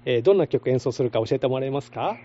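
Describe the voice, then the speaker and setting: Quick, mellow-toned radio host, gentle with kids, constant short nods of agreement, dull lo-fi sound. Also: mid-range voice, lively intonation. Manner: gentle, with constant short backchannels and simple questions. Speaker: radio host interviewing children by phone. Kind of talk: casual radio phone interview. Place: radio studio.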